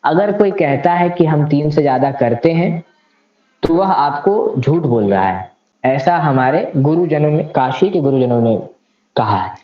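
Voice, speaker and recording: A man lecturing on Sanskrit grammar, speaking slowly and deliberately and reciting the rules as he goes. His voice sits in a middle range. The room sounds echoey and the sound is a little dull. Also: a little high, expressive.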